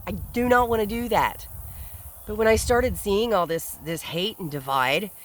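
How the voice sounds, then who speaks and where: A man hosts a solo podcast, thinking aloud in an earnest, reflective way and often repeating words. His voice is high and a little slow with a bit of brightness, though the audio is poor.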